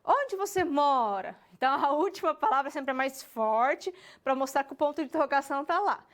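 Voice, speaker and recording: High-voiced woman teaching English. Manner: slow, stretched model phrases when demonstrating English questions; talks directly to the student, checks in with tags. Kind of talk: recorded online lesson.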